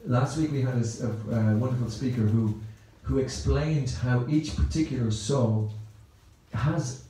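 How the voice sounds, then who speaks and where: A little slow and dark-toned, with medium pitch, this man from Ireland speaks at a temple on a Sunday in a rambling, conversational way, repeating his words. The hall has a very echoey sound.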